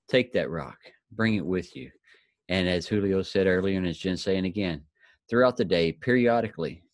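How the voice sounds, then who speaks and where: A low-voiced man with a darkish tone hosts a daily inspirational group, leading it in a folksy, encouraging way. The recording is close and dry, with no room sound around him.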